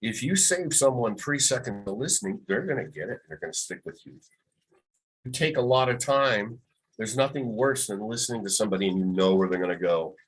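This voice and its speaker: Husky-voiced veteran radio man. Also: lowish voice, a little fast, rough recording. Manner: storytelling, acts out quoted voices. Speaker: guest, veteran radio broadcaster. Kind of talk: reflective interview talk.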